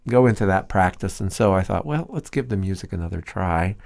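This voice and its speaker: Lowish-voiced middle-aged man, halting storyteller. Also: expressive, creaky, a little mellow. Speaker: interview guest, cellist and music teacher. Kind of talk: informal interview storytelling. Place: radio studio.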